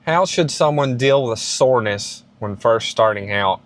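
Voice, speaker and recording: A man in his late thirties talks straight to the camera for his fitness channel. His voice sits at an ordinary middle pitch. He rambles and restarts often, but keeps pushing an encouraging message. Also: animated, a little slow. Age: 30s. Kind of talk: casual advice vlog.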